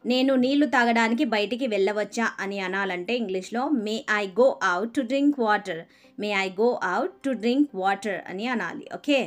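A woman with a Telugu accent teaching spoken English. She gives a phrase in Telugu, then says the English slowly and repeats it. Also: a little high, faint music behind.

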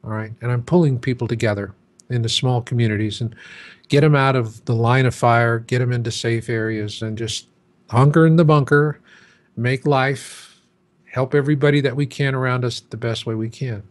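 Man in his sixties, interview guest, emphatic, mid-pitched voice. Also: normal speed. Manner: emphatic, acts out chanting crowds in quotes. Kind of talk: casual interview talk.

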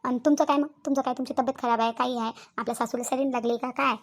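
A woman's voice: high voice, steady tone, racing. A woman doing a sly meddling aunt. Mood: prying. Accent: Vidarbha Marathi. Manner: prying, sly, egging others on. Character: meddling gossipy aunt who stirs up trouble. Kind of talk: cartoon voice acting.

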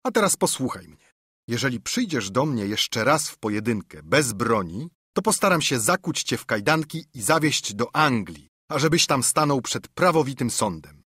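A man's voice: mid-range voice, big pitch swings, moderate pace, fairly bright tone, slightly rough, dry recording, clean studio sound. A man voicing a proud, unyielding naval ship captain in a storybook reading, who speaks in a commanding, curt and scornful way. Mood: defiant.

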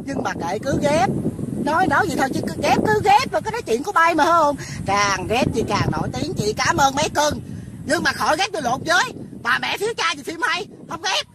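A woman's voice: sits high, very animated, brisk. A woman delivering a profane, insulting rant to camera outdoors. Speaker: online personality. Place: outdoors by a rain-filled pit. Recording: outdoor traffic noise behind.

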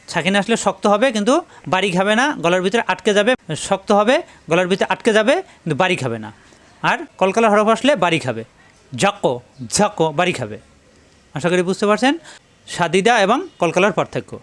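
In this lesson on tajweed, a man teaches the rules of Quran recitation in a bright, high-pitched, expressive voice. Chanting verses slowly and drawing them out, he repeats every sound patiently to highlight the differences.

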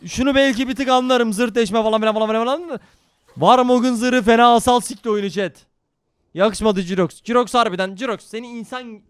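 Man, game streamer, excitable and profane, bright clean voice, dry close sound. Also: high voice, clean tone, no room sound. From Turkey. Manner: brash, profane, excitable banter with chat. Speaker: live streamer. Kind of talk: live gaming stream commentary.

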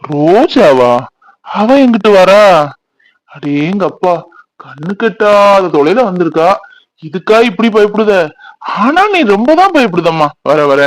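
A man's voice: high-pitched, very animated, slow, long pauses, dry recording, heavily acted, rough recording. A young man, playing a teasing, boastful village youth who dotes on his sweetheart. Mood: affectionate. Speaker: actor in a family fan drama. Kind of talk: village romance drama acting.

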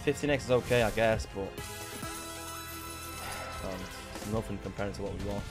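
Streaming online slots from an indoor room with game music playing, a man in his twenties complains casually and with exasperation. His voice sits on the low side and moves at a normal speed.

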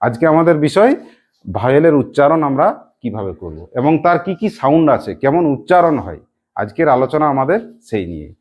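A woman's voice: extremely low pitch, big pitch swings, brisk, darkish tone. A woman teacher with a Purulia Bengali accent gives a classroom lesson, prompting her pupils to answer aloud in call-and-response.

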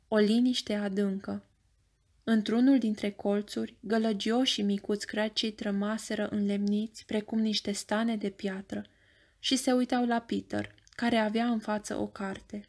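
A woman with a Romanian accent reading an audiobook in a measured storytelling voice. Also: mid-range voice, darkish tone. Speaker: audiobook narrator.

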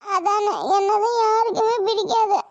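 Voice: very high voice, flat delivery, measured pace, no echo, highs cut off. A performer voicing a tearful, sulky young schoolgirl in a cartoon, who whines and complains. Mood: resentful. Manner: whiny, crying and complaining. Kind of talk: cartoon voice acting.

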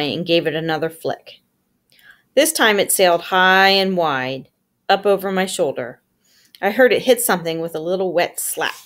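A woman reading a novel aloud with steady storytelling, giving the characters their own voices. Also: lowish voice. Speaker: audiobook reader.

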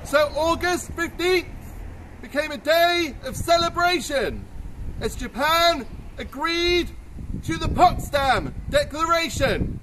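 A man's voice: extremely high pitch, lively intonation, takes it slowly, bright, forceful tone, poor audio. A man bellowing a ceremonial rhymed proclamation as a town crier outdoors. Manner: bellowing, declamatory, projected outdoors. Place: outdoors in a town square by a war memorial and church. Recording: windy outdoor recording with street noise.

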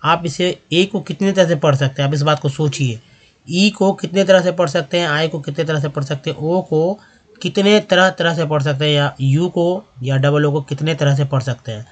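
A man hosting a spoken language lesson, explaining briskly and reading word lists slowly and deliberately. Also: on the high side. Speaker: English teacher and channel host.

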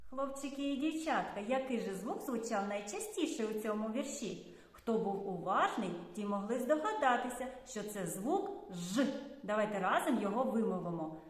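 A woman teacher gently explaining a speech sound to small children in an instructive way. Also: medium pitch, expressive, normal speed. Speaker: preschool teacher. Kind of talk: children's lesson narration. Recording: roomy hall with reverb.

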